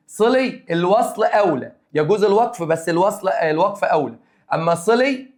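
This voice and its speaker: A young man with an Egyptian Arabic accent teaching an exam review lesson, drilling rules over and over and quizzing his students. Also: a little high. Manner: rapid, repetitive drilling with questions to students.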